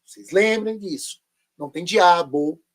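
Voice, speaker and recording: A man's voice: high-pitched, unhurried. A man teaching a live online Bible lesson, sarcastic and full of rhetorical questions.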